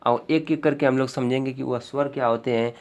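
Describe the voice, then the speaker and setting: A man's voice: medium pitch, steady tone, brisk. A male teacher giving an exam-prep grammar lesson, explaining step by step and often repeating himself with fillers.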